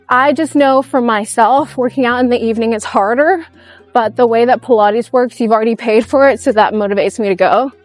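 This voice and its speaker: A woman's voice: a little high, brisk, faint music behind. A young woman chatting casually into her camera while out on a walk, upbeat and giggly. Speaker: vlogger. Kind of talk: casual vlog chat while walking. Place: outdoors on a walk.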